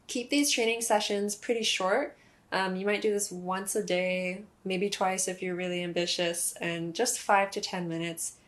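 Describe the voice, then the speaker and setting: A young woman in a casual instructional vlog, explaining pet training in a friendly, chatty way with occasional fillers. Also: medium pitch. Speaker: cat owner explaining leash training.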